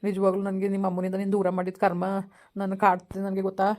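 A man's voice: sits high, completely flat delivery, quick pace, close to an everyday voice. A man, acting a caring, apologetic young husband who soothes his wife in a village skit. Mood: comforting. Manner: soothing, reassuring.

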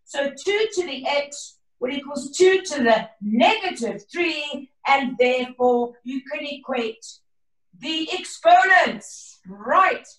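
A woman maths teacher giving an online lesson on a video call, her voice a bit hoarse and croaky, chatty and encouraging with her class. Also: high voice, animated, slow pace, few pauses. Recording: roomy, distant from the mic.

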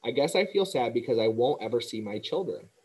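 A man voicing a weak, gentle old spider. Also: medium pitch, lively intonation, brisk, husky, low-quality recording. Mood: weary, gentle. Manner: quiet, tired, gentle. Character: weak, fading female spider, gentle and wise.

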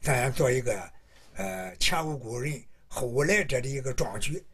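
A man in his seventies, a local researcher, explaining slowly and deliberately in an interview. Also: medium pitch, lively intonation, vocal fry, slightly rough. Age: 70s.

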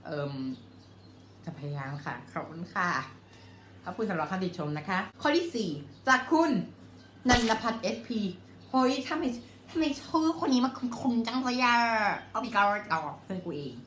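A playful young woman chats her way through a casual home Q&A vlog, her pitch bouncing up and down as she reads comments. The sound is roomy, with a faint hiss of noise behind her. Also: sing-song, moderate pace, fairly bright tone. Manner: chatty, playful, swears and laughs. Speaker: vlogger.

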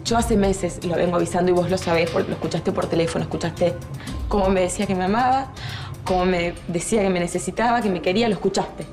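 A hurt, bitter woman played by an actress throws out accusations in a low, gravelly voice with a Rioplatense accent. Dramatic music sits clearly under her lines. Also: fairly even intonation, fast, natural voice. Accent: Rioplatense Spanish. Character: distraught pregnant woman accusing her husband. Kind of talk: telenovela acting.

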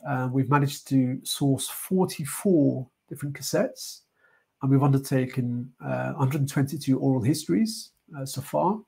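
A middle-aged British man from the United Kingdom, an artist and project leader, gives an informal slide presentation for a heritage talk over an online video call from an indoor room. His mid-range voice is gravelly, darkish and slightly rough, at a normal speed, and he thinks aloud with frequent hesitations.

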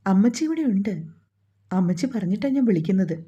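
A timid, soft-spoken younger sister from a storybook, as a woman narrator puts her on, the voice dark and husky. The recording sounds dull and lo-fi. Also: medium pitch, expressive, a little fast. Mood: hesitant.

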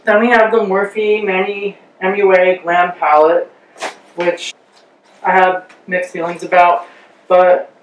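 A woman's voice: lowish voice, level tone, slow pace, recorded from a distance. A woman talks through her makeup in easy, rambling chat, wearing a sheet face mask. She trails off and restarts her thoughts. Her voice comes from a little way off the mic in an echoey room with a faint hum of ambience behind her. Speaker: beauty vlogger. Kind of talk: casual chat reviewing makeup.

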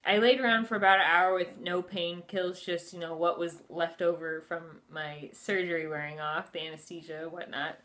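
A woman's voice: on the low side, steady tone, normal speed, few pauses, fairly bright tone. Chatty young woman telling a personal story. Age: 20s. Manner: chatty, conversational, frequent "like" and "you know". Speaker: vlogger. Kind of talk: casual personal storytelling to camera. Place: furnished room at home, indoors.

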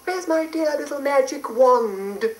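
A woman voicing a plump, kindly fairy who talks high and softly cooing, on an old cassette. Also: expressive, unhurried, very noisy. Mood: fussing. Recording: roomy old cassette recording.

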